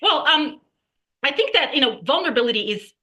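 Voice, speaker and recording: A woman from Brazil, a singer-songwriter guest, talking casually and reflectively, pausing on fillers and often adding "right?". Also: high-pitched, sing-song, pushed and bright. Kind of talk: casual interview talk.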